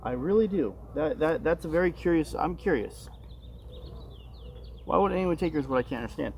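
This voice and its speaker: A man's voice: a little high, animated, moderate pace, a little mellow, a little hiss or hum, poor audio. A man hosting a casual live stream outdoors on a residential street, chatting and musing aloud to his viewers. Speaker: livestream host.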